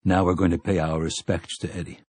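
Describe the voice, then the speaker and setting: Grim weathered gunslinger, read by a man: low, husky, slow and clipped, every word an order. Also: little pitch movement, a little mellow, dry recording. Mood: stern.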